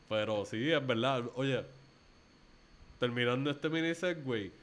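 A man's voice: mid-range voice, slow pace, a bit bright, slight background noise. A man with a Puerto Rican Spanish accent, co-hosting a casual podcast chat about films, dropping English words into his Spanish. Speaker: podcast co-host.

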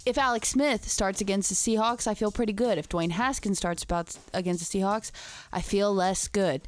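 A woman's voice: medium pitch, moderate pace. A woman from Virginia co-hosting a casual sports chat in an everyday conversational way. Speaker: sports show co-host.

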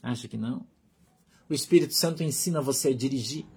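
Husky Brazilian pastor preaching. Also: male voice, medium pitch, fast. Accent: Brazilian Portuguese. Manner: conversational preaching, keeps asking the flock "understood?". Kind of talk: sermon.

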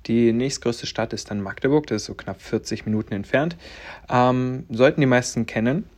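Hosting his own personal podcast, a German man in his twenties who grew up in Latvia chats earnestly, wandering off topic and filling pauses constantly. He is bilingual in German and Russian, and his mid-range voice is a little mellow, moving at normal speed.

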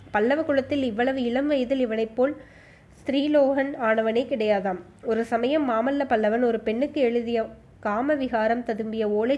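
Woman reading as a sly slandering monk, higher-pitched, knowing and smooth. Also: a little mellow, dull audio, close to an everyday voice. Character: scheming male Buddhist monk spreading slander.

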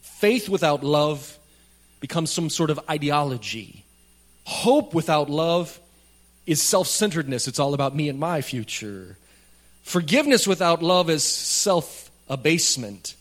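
A man's voice: a little high, animated, unhurried. A man preaching a sermon at a pulpit microphone in a church, speaking in a plain, conversational way with light jokes for the congregation. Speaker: pastor. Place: church sanctuary.

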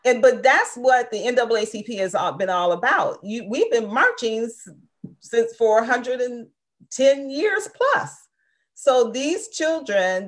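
A woman in her sixties, a guest in an interview, speaking earnestly and with emphasis about her organization's work. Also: medium pitch. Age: 60s. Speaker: interview guest, civil rights organization member. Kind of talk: casual interview conversation.

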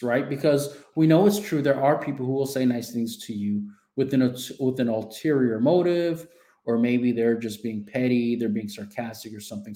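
A man's voice: medium pitch, dark tone, roomy sound. Earnest man giving a self-help talk. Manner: earnest, addresses the listener directly with questions. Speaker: coach and speaker.

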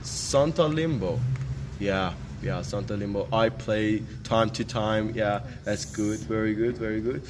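A man's voice: on the low side, measured pace, noisy background. Hesitant man hosting a casual interview. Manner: hesitant, many filler sounds and restarts. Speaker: podcast host interviewing teens.

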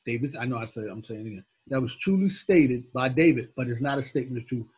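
Man, very husky voice, informal Bible teaching, repeats points, emphatic, mid pitch. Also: quick pace, a little mellow, rough recording. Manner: repetitive, emphatic, talks directly to listeners.

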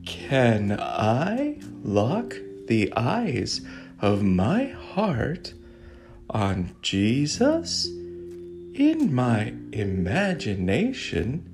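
Sydney Sloth, a very slow, deep, sing-song sloth. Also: female voice, huge pitch swings, heavily acted. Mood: calm, soothing. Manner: drawn-out, sing-song delivery. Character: slow, gentle sloth host of bedtime stories. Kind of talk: soothing bedtime devotional talk. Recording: guitar music playing underneath.

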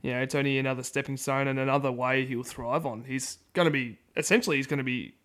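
A man's voice: medium pitch, fairly even intonation, fast talker, fairly bright tone. Australian male podcast co-host, colloquial football chat, loose rambling delivery, recorded in a country shed. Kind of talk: casual football discussion.

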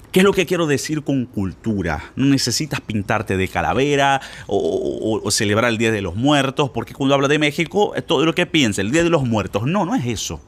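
A man from Brazil whose first language is Portuguese, giving a casual online Spanish lesson and acting out little scenes as he goes. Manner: lively, playful, acts out little scenes with shifting pitch. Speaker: Spanish teacher.

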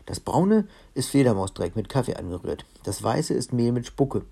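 A man reading aloud and voicing a robber's bossy, warm-hearted wife who scolds briskly. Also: mid-range voice, sing-song, creaky, slightly rough, exaggerated voice.

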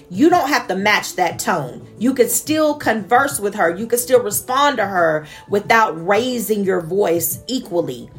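A woman with a naturally high-pitched voice delivers a reflective personal monologue about a dream and her faith. She speaks earnestly and passionately, laughing now and then between points.

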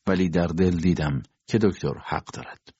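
Husky low-voiced male narrator. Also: dark tone, no room sound, muffled recording. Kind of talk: first-person audiobook narration.

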